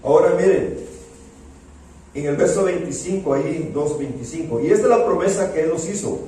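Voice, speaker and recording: A man's voice: a little high, normal speed, warm tone. A male pastor preaching a sermon, with emphatic repetition of key words and frequent direct address to his congregation. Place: church hall. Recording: echoey room from far off, faint noise.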